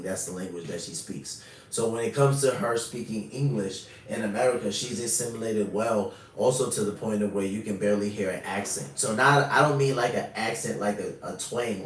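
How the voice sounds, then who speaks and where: A man hosting a casual reaction commentary, rambling and leaning heavily on "like" and "literally.". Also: fairly low pitch. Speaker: reaction channel host. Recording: roomy echo, mic at a distance, faint noise.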